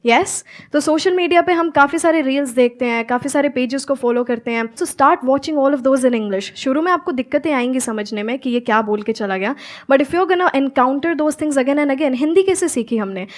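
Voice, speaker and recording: A woman's voice: high-pitched, normal speed. A young woman from Haryana, a guest giving earnest answers in an interview and mixing Hindi with fluent English. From Haryana, India. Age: young adult. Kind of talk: answering interview questions on stage.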